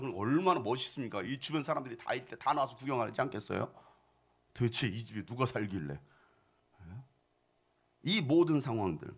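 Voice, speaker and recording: A man preaching a storytelling sermon as a pastor, acting out voices and sometimes shouting. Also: mid-range voice, gravelly, husky. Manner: animated, acts out voices and shouts. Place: church sanctuary.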